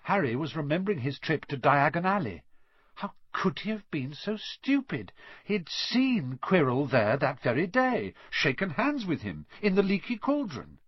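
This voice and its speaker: A man narrating a fantasy audiobook with expressive storytelling that drops low for tension. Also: moderate pace, breathy edge, dry recording. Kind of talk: scripted narration. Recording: dull lo-fi dry recording.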